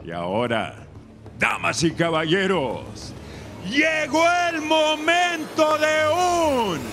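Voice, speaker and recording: A man working as a ring announcer in a dramatic lucha libre style, switching between two languages in a booming voice and stretching out names. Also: sing-song, takes it slowly. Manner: alternates Spanish and English. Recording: loud music behind. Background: music.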